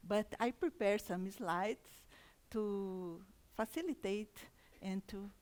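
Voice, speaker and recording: Speaking with a slightly mellow, medium-pitched voice, a woman plant scientist from a university presents at a conference. Her Brazilian Portuguese accent colors her careful, halting English, which includes restarts.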